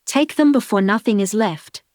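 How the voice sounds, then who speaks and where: Narrator putting on a soft, peaceful aunt, much higher voice, storybook figure. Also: male voice, moderate pace, no room sound, studio quality, lightly acted. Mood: pleading. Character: gentle peacemaking aunt, adult woman.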